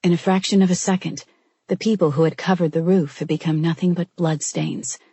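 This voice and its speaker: A woman narrates in a low, gravelly voice with a deeply husky, breathy edge. Her tone is dark and mellow, and she is recorded close and dry with no room sound. The reading stays measured and even throughout. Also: dry recording. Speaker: audiobook narrator. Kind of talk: scripted narration.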